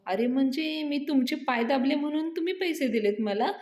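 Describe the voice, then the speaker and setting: Woman voicing a young college man, childish and pleading, higher voice, roomy sound. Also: moderate pace, darkish tone, close to an everyday voice. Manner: pleading, whiny.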